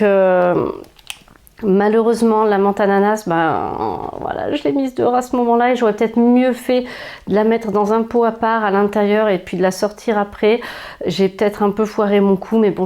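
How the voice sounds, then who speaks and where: A woman's voice: mid-range voice, warm tone. A woman with a French accent, chatting enthusiastically in a casual plant vlog at home, with frequent fillers. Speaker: plant vlogger. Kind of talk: casual chat. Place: home with houseplants, indoors.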